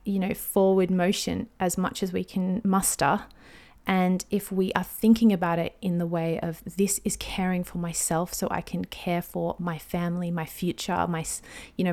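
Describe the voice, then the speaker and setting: A slightly low-pitched woman hosts a solo podcast. She talks in a rambling, heartfelt way and scatters ums and you-knows through her sentences. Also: darkish tone. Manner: rambling, heartfelt, lots of fillers. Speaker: podcast host.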